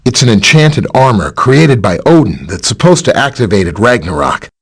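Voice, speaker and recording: A video game voice actor plays a lively, husky male superhero scientist who is knowledgeable, friendly and easygoing. In a fairly low voice at moderate pace, fully in character, he greets and briefs the player, explaining things in a casual, chatty manner.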